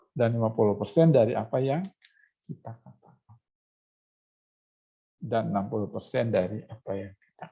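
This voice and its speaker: The recording cuts off the highs on this man's medium-pitched, husky voice, which carries vocal fry. He is lecturing to university students in a classroom or online class, explaining things gradually with many fillers and restarts and pausing to confirm they understand.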